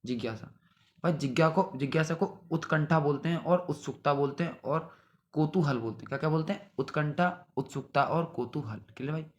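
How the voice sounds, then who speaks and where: Young male tutor, slightly high-pitched, revising word lists, repetitive and drilling. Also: a little fast. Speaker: exam prep teacher. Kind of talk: synonym revision lesson.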